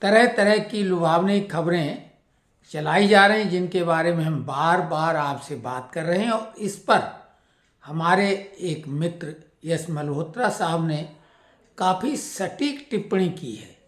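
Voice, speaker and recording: A woman's voice: fairly low pitch, expressive, unhurried. A woman hosting an informal news commentary for pensioners. She speaks conversationally, explains things at length and addresses her viewers directly. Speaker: channel host speaking to pensioners. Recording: echoey room.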